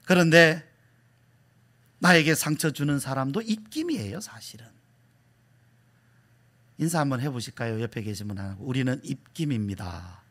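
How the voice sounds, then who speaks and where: A male pastor preaching a sermon, asking the congregation questions and repeating key words, sometimes dropping to a soft whisper. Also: medium pitch, lively intonation, moderate pace, long pauses.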